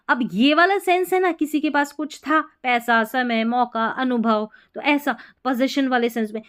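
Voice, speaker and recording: A woman teaching English grammar in a patient, explaining way, repeating key points and reading example sentences out slowly. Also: fairly high pitch, a bit bright.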